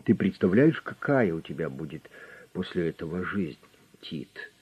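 A man's voice: sits low, very animated, a little slow, breathy edge, highs cut off, exaggerated voice. Man reading as a smug cold gang boss. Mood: cold, mocking. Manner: smug, coldly mocking. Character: calm, menacing middle-aged male gang boss.

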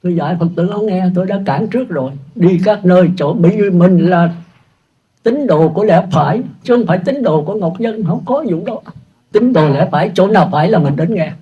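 Older monk giving a chatty talk, high husky voice, kinda muffled lo-fi sound. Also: male voice, expressive, a little fast, warm tone. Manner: chatty, self-mocking, laughs at his own jokes. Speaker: Buddhist monk teacher. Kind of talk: casual dharma talk. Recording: dull lo-fi recording.

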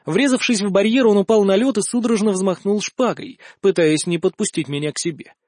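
A man narrating a first-person fantasy audiobook in a calm, wry manner. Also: sits high, brisk, no echo, clean studio sound.

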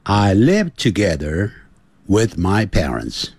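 Husky, lively male English teacher. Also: fairly low pitch, no echo. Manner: drills pronunciation by slow repetition; lively, playful explaining. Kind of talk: radio English lesson.

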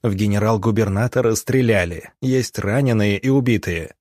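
A male narrator plays a weary young country doctor, firm and curt. His low, husky voice stays dry and close, as in a storybook audiobook. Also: moderate pace, darkish tone, dry recording, natural voice.

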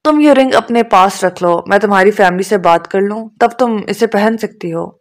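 Woman reading as earnest young guy, sincere and eager, normal pitch. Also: natural voice. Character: earnest young man proposing marriage.

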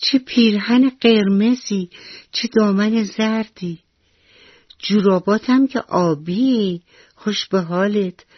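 A woman voicing an excited little mouse child with an eager, drawn-out way of talking, in a radio bedtime story. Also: medium pitch, dry recording, pitched above the performer's own voice, close to an everyday voice. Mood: wondering. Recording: dull lo-fi radio recording.

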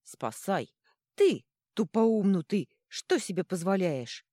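A woman's voice: wildly swooping pitch, dark tone, no room sound, clean studio sound. A woman voicing a fussy male cat-god spirit who shrieks indignantly. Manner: shrill, indignant, rapid.

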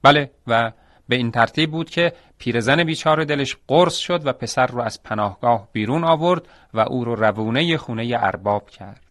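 A man's voice: medium pitch, a bit bright, no echo, clean studio sound. A man narrating a folk tale for an audio story, dramatic and addressing his listeners directly.

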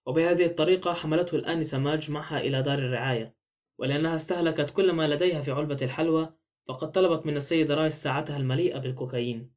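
A man reading a novel aloud as an audiobook narrator, in a steady, even way. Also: fairly high pitch, very fast. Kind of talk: scripted narration.

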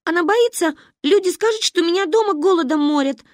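A woman voicing a shy, nervous little girl who speaks in a timid, earnest squeak. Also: fairly quick, no echo, clean studio sound.

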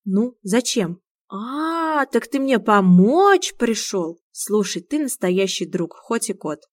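A woman's voice: mid-range voice, very animated, slow, dry recording. A woman voicing a flustered grown man who is shy in love, in an audiobook, with an agitated, pleading delivery.

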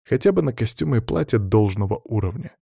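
Give me a measured male audiobook narrator with a dry, close sound. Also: on the low side, animated, creaky, mellow, husky, no echo. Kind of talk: audiobook reading.

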